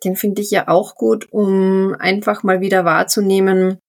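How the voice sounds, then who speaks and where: Calm reflective woman podcaster. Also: mid-range voice, creaky. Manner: calm, reflective, drawn-out phrasing with many "ja" fillers. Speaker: podcast co-host. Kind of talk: casual podcast conversation on mindfulness.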